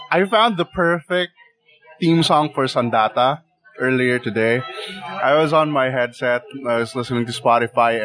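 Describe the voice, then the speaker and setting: An excitable man co-hosting a casual chat, hyping things up and laughing. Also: mid-range voice, poor audio. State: talking with his mouth full. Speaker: podcast co-host. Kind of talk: casual chat about wrestling picks.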